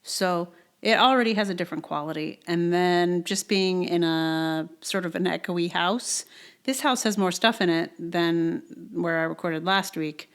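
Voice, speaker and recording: A woman in her forties hosts a podcast, opening with a casual, wry intro and then reading her own blog post aloud as a personal essay. Her voice is on the low side, unhurried, clear, and resonant. She records on a portable travel microphone indoors in a sparsely cushioned house that sounds slightly echoey.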